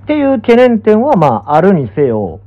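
A young man with a Kansai accent talks off the cuff in a casual stream chat. His pitch moves around a lot as he muses and hedges. The sound is narrow and phone-like, with faint music underneath. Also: wildly swooping pitch, normal speed. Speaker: pro gamer and streamer. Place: small indoor room, lying down. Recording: muffled, thin phone-like audio.

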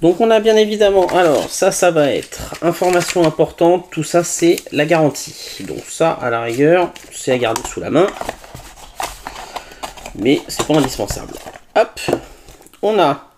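A man's voice: a little high, lively intonation, a little slow, a little mellow, a little hiss or hum. A man doing a chatty product unboxing as a tech reviewer, tossing in little interjections and hesitations as he goes. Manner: chatty, with frequent "hop" and hesitations.

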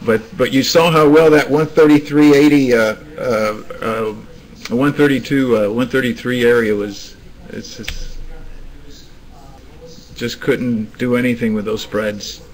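Man hosting live market calls, halting, restarts a lot, mid pitch. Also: fairly even intonation, low-quality recording. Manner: hesitant, restarts, coaxing the screen. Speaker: forex trading room host. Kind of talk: live market commentary to traders. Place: trading room, screen recording.

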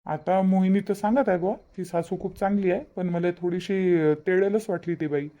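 A man's voice: sits high, fairly even intonation, normal speed, warm tone. A man with a Varhadi Marathi accent voicing a young husband who speaks defensively and doubtfully about family matters. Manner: defensive, then doubtful and complaining.

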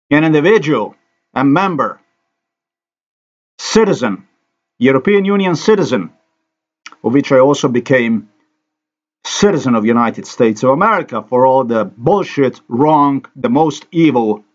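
A man's voice: mid-range voice, highs cut off. A man from Slovenia, a native Slovenian speaker, giving an angry, accusatory, repetitive monologue over a screen recording.

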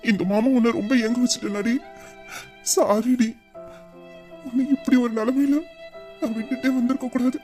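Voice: medium pitch, fairly even intonation, normal speed, long pauses, over music, lightly acted. A performer voicing a young husband in an audio drama who misses his wife, talking in an emotional, intimate way. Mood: tender.

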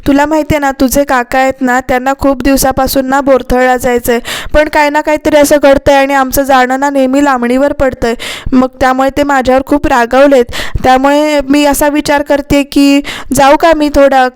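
A woman voicing an affectionate middle-aged mother and grandmother who speaks gently and hesitantly, in her own high voice. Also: flat delivery, moderate pace, natural voice. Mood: tender.

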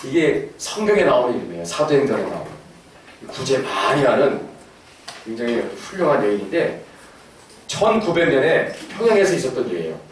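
A middle-aged man giving a lively lecture to an audience, with laughing asides and questions to his listeners. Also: mid-range voice, a little fast. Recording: echoey hall, from far off, faint noise.

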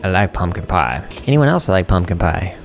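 A middle-aged man giving casual live gameplay commentary in a deadpan, unimpressed, dryly joking way. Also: deep voice, fairly quick, gravelly. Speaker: game streamer. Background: video game sounds.

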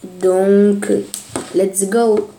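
A woman introducing a reaction video, speaking in a hesitant, halting way with many fillers. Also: medium pitch, little pitch movement, echoey room, noisy background. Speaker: video creator.

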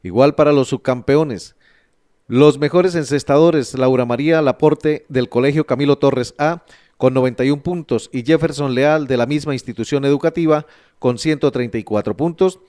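A man reading a local news report in a steady, measured way. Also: mid-range voice, no echo, studio quality. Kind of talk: read news narration.

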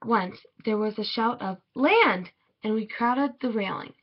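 Husky, gravelly woman reading a storybook. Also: mid-range voice, fairly even intonation, normal speed. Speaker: storybook reader. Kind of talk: children's book read-aloud. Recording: dull lo-fi recording.

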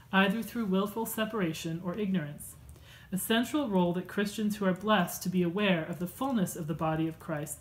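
A woman in her thirties at home, reading a church class lesson from her notes in a measured, earnest way with a few fillers. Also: lowish voice, rough recording. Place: home room with bookshelves.

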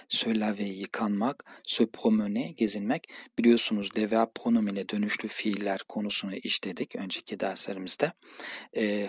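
A low, husky male voice, giving a patient grammar lesson. He walks through each example slowly and repeats key words. The sound is dry and close, with no room echo. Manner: explains step by step, addresses viewers as friends, repeats words slowly. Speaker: French teacher. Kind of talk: screen-recorded grammar lesson.

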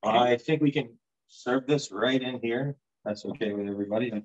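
A man's voice: mid-range voice, normal speed, muffled recording. A man working as a chef, giving a casual cooking demonstration and explaining as he goes. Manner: relaxed, explains as he works, chatty asides.

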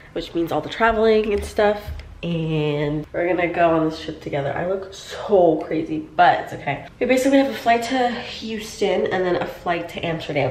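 A young woman in her twenties, a travel vlogger, chatting excitedly and rambling, now and then congested with sniffles. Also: fairly low pitch. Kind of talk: casual vlog chat. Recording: noisy phone vlog audio.

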